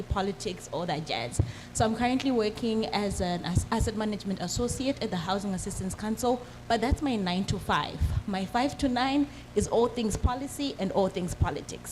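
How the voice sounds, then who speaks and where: A young woman from Zimbabwe speaks fluently and confidently on a panel, at a mid pitch. Clear background noise sits under her voice. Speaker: panelist, policy worker. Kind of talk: panel discussion. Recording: noisy event recording.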